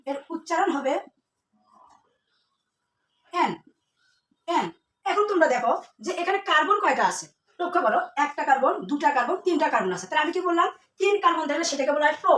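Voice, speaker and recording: This classroom chemistry lesson features a woman with a high-pitched, slightly bright voice who asks questions and answers them herself while repeating key terms. The distant mic in an echoey room also catches slight background noise.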